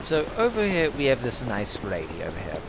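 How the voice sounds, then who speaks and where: Male streamer, casual game commentary, expressive pitch, game noise underneath. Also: a little fast, creaky. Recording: game sounds and noise behind voice.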